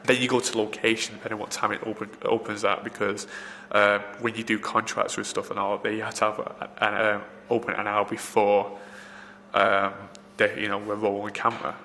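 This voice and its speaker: This man's pitch is fairly low, his tone level and sharp, and his pace brisk. Working as a film location assistant, he rambles through interview answers with many fillers and restarts, recorded in a reverberant room with faint noise.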